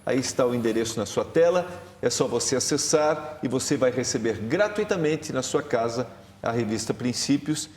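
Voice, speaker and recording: A man, a pastor, hosting a Bible study program in a TV studio with emphatic, rising delivery. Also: moderate pace. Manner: warm, emphatic host with lively pitch rises. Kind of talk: religious TV studio talk. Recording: roomy studio with long reverb.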